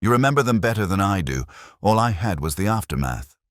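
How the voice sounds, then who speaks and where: Voicing a composed woman in an audiobook, a man sounds smooth and exacting as she confronts wrongdoers with controlled accusation. His low voice uses measured words with rising and falling emphasis, very animated, in a dry recording.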